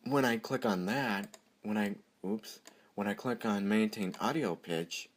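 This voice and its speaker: A tutorial presenter speaks off the cuff over a screen recording, rambling and easily amused. His pitch is medium and his pace measured, picked up by a computer microphone during the recording.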